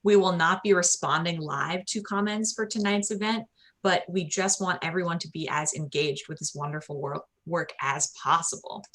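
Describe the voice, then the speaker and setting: A woman's voice: on the low side, normal speed, fairly bright tone. A woman hosting a video call, upbeat and welcoming as she greets arriving guests. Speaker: event host.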